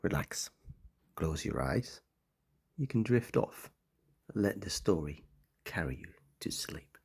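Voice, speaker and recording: A man giving a soft, soothing sleep-story introduction, hushed and breathy, as if right in your ear. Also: low-pitched, sing-song, takes it slowly. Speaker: narrator.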